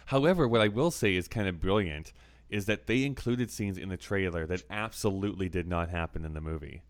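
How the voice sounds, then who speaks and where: A man's voice: deep voice, fairly quick. A man in a casual movie discussion, talking earnestly and analytically, often using "like" as a filler. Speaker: podcast co-host.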